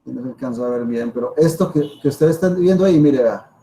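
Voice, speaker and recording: A Colombian man speaks as a professor in an informal lecture. His voice is mellow and mid-pitched, and he drives points home with repetition and rhetorical questions. The online class recording has a faint layer of noise. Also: fast, poor audio. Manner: emphatic, repeats himself, asks rhetorical questions. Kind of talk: informal spoken lecture to students.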